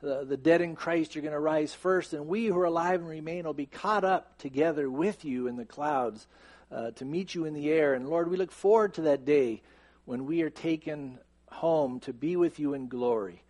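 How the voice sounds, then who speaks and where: A pastor in his fifties with a somewhat high voice speaks in a church sanctuary. He moves from relaxed, joking asides to an earnest, steady prayer. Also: normal speed. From United States. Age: 50s. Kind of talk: sermon and prayer.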